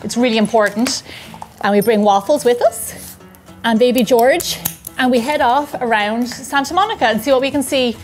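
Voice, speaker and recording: A woman's voice: fairly high pitch, normal speed, faint music behind. Chatty Irish woman cooking at home. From Ireland. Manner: chatty, upbeat step-by-step explaining. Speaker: baking show host. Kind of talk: casual cooking vlog. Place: home kitchen.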